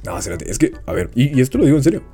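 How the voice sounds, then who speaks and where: Young guatemalan dude cussing and joking on a podcast, mellow dark voice, faint music behind. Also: male voice, mid-range voice, very animated, racing, breathy edge. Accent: Guatemalan Spanish. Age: young adult. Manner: slangy, profane, joking. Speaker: podcast co-host. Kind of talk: casual chat.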